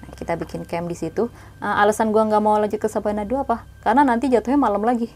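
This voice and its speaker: A young woman tells a spooky hiking story in casual slang, sometimes dropping to a hush and sometimes getting animated. Her voice is mellow and soft, at a middle pitch, with a faint hiss under the recording. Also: fast talker. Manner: slangy, hushed at times, then animated.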